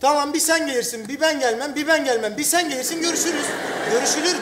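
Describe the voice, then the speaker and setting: On a television studio stage before a live audience, a man acts in a comedy sketch as a boyfriend, rambling through exaggerated excuses. His voice is very high-pitched and fast, and the stage sounds echoey with audience noise.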